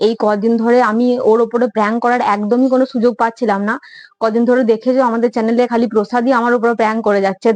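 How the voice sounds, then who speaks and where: Young woman, home prank vlogger; rapid, chatty, talks straight to viewers, dry sound. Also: on the high side, dry recording. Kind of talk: casual vlog talk to viewers.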